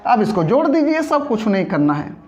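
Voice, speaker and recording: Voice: mid-range voice, big pitch swings, fairly quick. A teacher giving a step-by-step spelling lesson, patiently breaking words into syllables and checking that the class understood. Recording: dull lo-fi audio.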